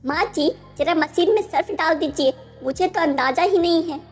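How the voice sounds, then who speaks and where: A woman voicing a young newlywed daughter-in-law, polite and quietly sly, asking one question after another. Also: very high voice, normal speed. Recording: soft music underneath.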